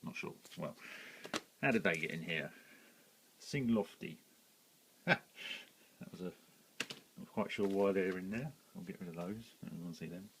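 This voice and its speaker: A British record collector talks through his shelves in a casual vlog. His voice sits very low, and he rambles along with frequent ums and corrections. A faint hiss sits under the recording. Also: fairly quick. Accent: British English. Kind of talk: casual show-and-tell vlog.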